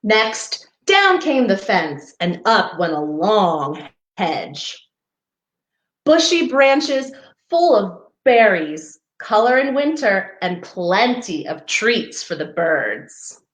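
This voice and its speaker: A parks program storybook reader, this woman unhurriedly reads a picture book to children in a sing-song way. Her mid-pitched voice rises and falls expressively, she slips in chatty comments to her listeners, and the audio sounds roomy and echoing.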